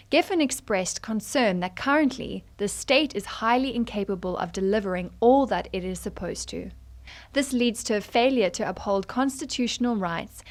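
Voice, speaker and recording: A young adult woman at a middle pitch reads a written news feature from a script, taking the role of a student journalist reading an article aloud.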